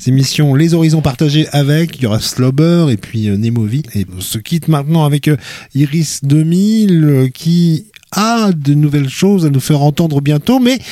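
A man's voice: fairly high pitch, no echo, clean studio sound. A man hosting a radio show, joking lightly and announcing upcoming events. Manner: relaxed, joking, with fillers. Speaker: radio host.

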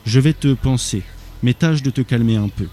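A man's voice: medium pitch, normal speed, warm tone, lightly acted. A man voicing a curt, impatient man who tends his injured brother.

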